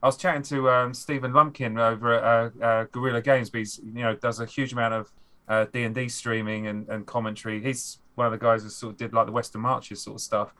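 A man's voice: mid-range voice, level tone, a little fast, a bit bright. A man, a game designer guest on a podcast, talking animatedly and acting out players' reactions. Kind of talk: podcast conversation.

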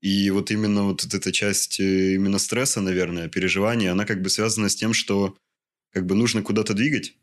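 A young man in his twenties with a very low voice answers interview questions. He talks haltingly and searches for his words. He pads his thoughts with small fillers. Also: little pitch movement. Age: 20s. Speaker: interview guest. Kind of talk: casual interview conversation.

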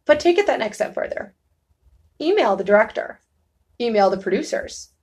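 A woman's voice: a little high, sing-song, a little mellow, breathy edge. Bubbly, emphatic young woman. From New York state. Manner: bubbly, emphatic, quick to laugh. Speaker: guest, actress. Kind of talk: casual podcast chat.

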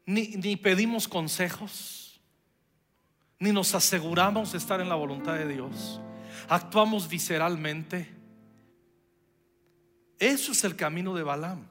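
High bright-voiced male pastor preaching. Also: unhurried, pauses often, faint music behind. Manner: conversational preaching with playful asides. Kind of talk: sermon.

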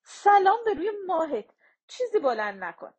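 A woman voicing a plump, bustling housekeeper in an audiobook, brisk and affectionate while scolding the help. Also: extremely high pitch, big pitch swings, pitched above the performer's own voice. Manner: loud, brisk, warm scolding.

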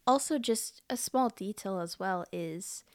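Lively young woman chatting on a podcast. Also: medium pitch, no room sound, studio quality. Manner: animated, acts out character lines with laughs. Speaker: podcast co-host. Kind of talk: casual review chat.

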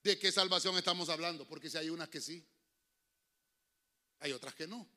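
A man preaching a sermon as a pastor in a church, shifting from fiery outbursts to quiet asides and speaking to the congregation as brothers. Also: fairly high pitch, normal speed. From Honduras.

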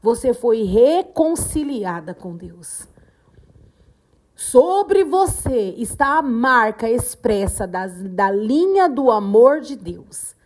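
A woman delivers a devotional podcast message, her voice sitting a little high. She preaches slowly and fervently, repeating her phrases for emphasis. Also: very animated, darkish tone. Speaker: podcast host, devotional speaker. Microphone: podcast microphone.

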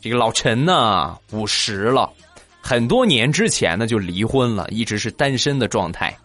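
A man's voice: medium pitch, expressive, normal speed, a bit bright, soft background music. A man hosting a comedy show, telling funny anecdotes in a chatty style and laughing at his own jokes. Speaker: comic storyteller host. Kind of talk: comic anecdote storytelling.

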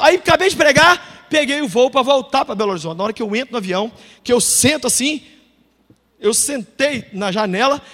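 A middle-aged pastor preaches with a fairly high voice, telling his story with lively, dramatic emphasis. The sound carries a long reverb from the hall he speaks in, and he acts out the quoted voices as he goes. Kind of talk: sermon testimony.

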